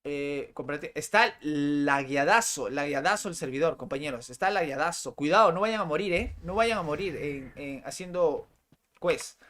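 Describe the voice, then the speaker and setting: A man's voice: fairly high pitch, expressive, moderate pace, fairly bright tone. A young man, chatting and exclaiming over live game footage, often repeating himself. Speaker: game streamer. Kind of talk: live gameplay commentary.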